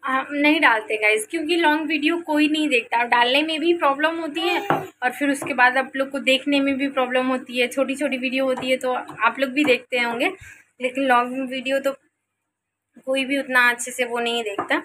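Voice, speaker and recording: Bright high-voiced woman vlogger. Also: brisk, a little hiss or hum. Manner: sing-song coaxing with baby, then relaxed rambling talk to viewers. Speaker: vlogger and mother. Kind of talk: casual home vlog chat.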